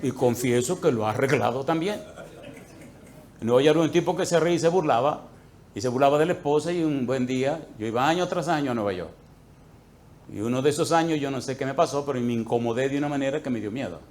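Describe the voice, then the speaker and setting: A man preaching a sermon to a congregation, telling a story with acted-out dialogue and swinging between loud outbursts and quiet asides. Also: medium pitch, fast talker. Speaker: pastor. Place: church, before a congregation.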